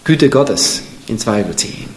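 A man's voice: mid-range voice, expressive, measured pace. Preacher man with an echoing voice. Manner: reads scripture aloud, then asks the listeners direct questions. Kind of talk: sermon. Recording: echoey room.

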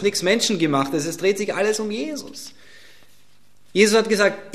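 A man preaching a sermon in a fairly high voice. He drives each point home with repeated phrases, then drops to a hush before rising to loud emphatic lines again. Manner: swings from emphatic loud lines to hushed near-whispers.

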